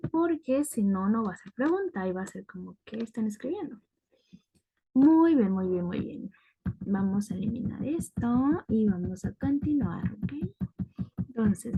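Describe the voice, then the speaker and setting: Slow-paced higher-voiced woman teacher. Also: darkish tone, breathy edge. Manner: patient, repeats "ok" to check understanding. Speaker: English teacher. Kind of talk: classroom lesson.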